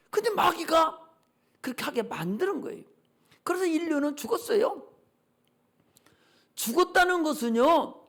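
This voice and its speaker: Animated, gravelly male pastor. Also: extremely high pitch. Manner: emphatic, asks rhetorical questions. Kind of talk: Sunday morning sermon.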